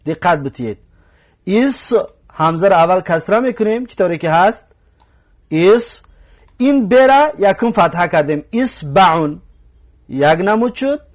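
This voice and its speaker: Man, Tajik accent, high voice, patient teacher, slow drilling repetition, checks on listeners. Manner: patient, repeats words slowly to drill them; addresses listeners directly, asks if they follow. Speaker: Arabic language teacher. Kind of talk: recorded language lesson.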